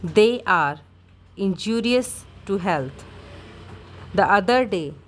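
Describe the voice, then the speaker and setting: A woman reading out a speech as dictation practice, in short, measured phrases with clear gaps between them. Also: mid-range voice, expressive, slight background noise.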